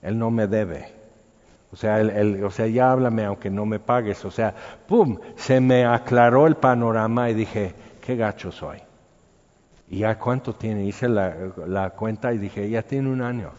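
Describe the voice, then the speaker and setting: A man's voice: fairly low pitch, measured pace, a little mellow. A man with a Mexican accent preaching a sermon as a pastor, telling stories conversationally and acting out quotes. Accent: Mexican Spanish. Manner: conversational storytelling, acts out quotes. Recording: dull sound with long hall reverb.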